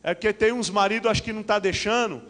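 A middle-aged pastor with a Brazilian Portuguese accent gives church announcements and then preaches into a handheld microphone, with frequent amens and hallelujahs. His voice sits high, fast, and fairly bright. The setting is a large, reverberant church hall with curtains and a stage.

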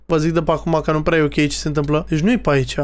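A young man giving casual, excitable gaming commentary, teasing other players and talking to his viewers. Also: fairly high pitch, a little hiss or hum. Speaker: streamer playing a Minecraft role-play server.

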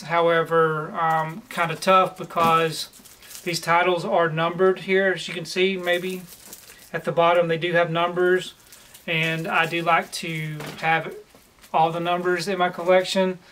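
Higher-voiced man showing off a haul. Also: a little hiss or hum. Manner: relaxed and plain, with frequent "um" pauses. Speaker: collector vlogger. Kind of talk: casual haul video. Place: home room lined with disc shelves, indoors.

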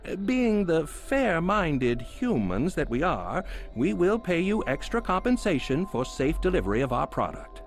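A man's voice: a little high, big pitch swings, unhurried, hardly any pauses, faint music behind. A man voicing an alien who poses as a human client, talking in a stiff, overly formal way to pass as human. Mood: stiffly formal. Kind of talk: game voice acting.

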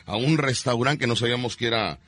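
A man's voice: mid-range voice, quick pace, a bit bright. A man, hosting a radio show and telling a comic story with laughter and mimicked voices.

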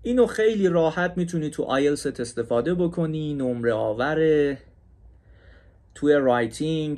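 A man teaching an English grammar class, explaining in Persian and saying each English example slowly and carefully, with questions to his students. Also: a little high, darkish tone. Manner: talks straight to students, asks them questions.

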